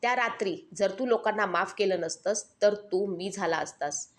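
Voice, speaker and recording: Horror audiobook: sinister dark double of the hero, older, quiet and chillingly calm, read by a woman. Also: mid-range voice, normal speed, close to an everyday voice. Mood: eerie calm.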